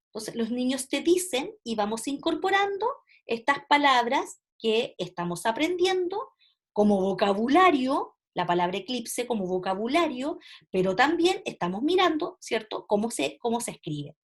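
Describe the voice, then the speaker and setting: A woman gives a recorded lecture to teachers. Her voice sits somewhat high. She explains patiently, stopping often to ask rhetorical questions and check that listeners follow. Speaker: teacher trainer.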